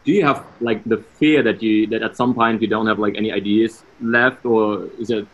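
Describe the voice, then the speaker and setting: Husky man asking halting questions. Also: fairly low pitch, steady tone, a bit bright, muffled recording. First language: German. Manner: halting questions with many fillers. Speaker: radio interviewer. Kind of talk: casual video-call interview. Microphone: video call.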